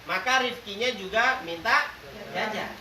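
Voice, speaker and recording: A man with a high-pitched voice, a religious teacher, gives a spirited grammar class, slowly drawing out example words and quizzing students with playful call-and-response and jokes. It's captured from a distance in a roomy space with faint noise.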